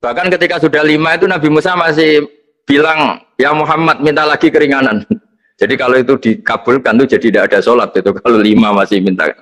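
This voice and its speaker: A man preaching a sermon, reciting Arabic texts and explaining them slowly in plain talk. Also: mid-range voice, fairly even intonation, a bit bright. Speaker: Islamic preacher. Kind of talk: sermon with text reading.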